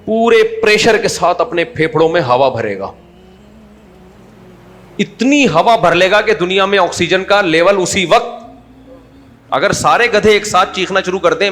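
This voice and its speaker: A man's voice: sits high, a bit bright. A middle-aged man with a Pakistani Urdu accent giving a humorous religious talk, conversational, with mocking asides. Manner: conversational, mocking asides, acts out quoted voices. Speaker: Islamic scholar giving a talk.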